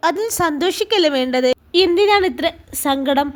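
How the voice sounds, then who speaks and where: A woman's voice: sits high, expressive, moderate pace. A woman voicing a caring young woman friend who comforts and fondly scolds, with a Malabar Malayalam accent. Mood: consoling.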